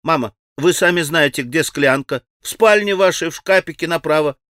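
A man voicing an impetuous, bossy teenage girl who speaks in a loud, commanding, urgent way. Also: a little high, moderate pace, no echo, clean studio sound, voice pushed up, natural voice.

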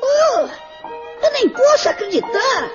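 A woman's voice: extremely high pitch, very animated, slow, highs cut off, over loud music, exaggerated voice. A woman voicing a lonely young male parrot in a children's musical story, talking in an eager, sing-song way. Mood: overjoyed.

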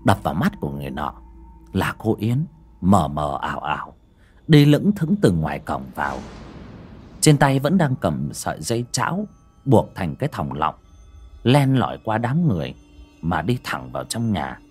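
Expressive male narrator. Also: sits low, moderate pace, breathy edge, faint music behind. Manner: lively dramatic storytelling. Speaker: storyteller. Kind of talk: audiobook horror narration.

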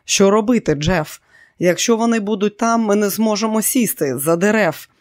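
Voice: medium pitch, moderate pace, darkish tone, pitched above the performer's own voice, close to an everyday voice. An audiobook reader voicing a nervous man piloting a helicopter, worried and pleading, in the reader's own voice. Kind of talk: audiobook character reading.

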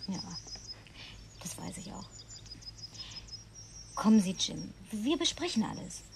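An actress playing a patient, inquisitive, well-spoken woman in a radio play, gently questioning and coaxing with precise words. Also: mid-range voice, big pitch swings, takes it slowly, gravelly, slight background noise, full character voice. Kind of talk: German radio play dialogue.

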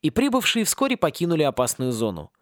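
A man narrating a satirical fantasy audiobook with a lively, expressive reading. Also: on the high side, fast, no room sound, studio quality. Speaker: audiobook reader.

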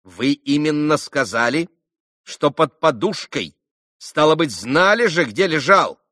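A man voicing a calm, insistent male prosecutor who questions the accused deliberately in an audiobook. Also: a little high, no room sound, clean studio sound.

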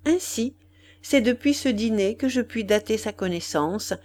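A woman narrating an audiobook of a classic memoir, in an expressive, measured literary reading. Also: fairly high pitch.

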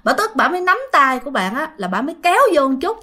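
A woman's voice: sits high, big pitch swings, fast, pushed and bright. Chatty woman telling ghost stories. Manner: chatty, addresses listeners directly, many fillers. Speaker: storyteller. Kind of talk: casual ghost story narration.

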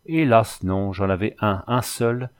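A man's voice: lowish voice, measured pace, lightly acted. A man reading aloud, voicing a wounded young French engineer in a storybook who pleads earnestly. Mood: pleading.

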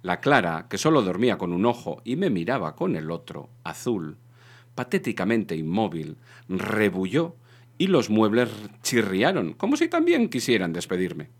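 Man reading a story with lively pitch. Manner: measured, expressive storytelling reading. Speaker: reader of a literary story. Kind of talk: scripted literary narration.

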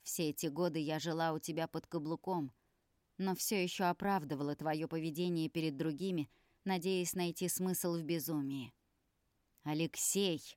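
Low-voiced woman reading a dark novel. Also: fairly even intonation, moderate pace, dry recording, clean studio sound. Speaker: audiobook narrator. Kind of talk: first-person audiobook narration.

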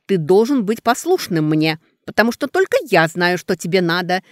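A man voicing a domineering aristocratic mother who shouts commands at her grown son, read as an audiobook character. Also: high voice, big pitch swings, normal speed, no echo, studio quality. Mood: imperious, shouting. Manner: loud, commanding, scolding.

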